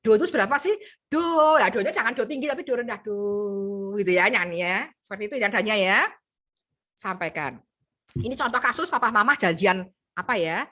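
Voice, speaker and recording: A woman psychologist with an Indonesian accent giving a casual webinar talk, lively and acting out example voices. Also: mid-range voice, brisk. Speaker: psychologist speaker. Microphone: video call.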